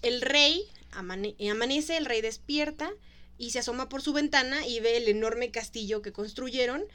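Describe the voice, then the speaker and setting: A woman's voice: fairly high pitch, normal speed. Laughing Mexican woman telling a story. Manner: animated storyteller, laughs often, acts out voices. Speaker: podcast co-host. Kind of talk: casual chat retelling a story.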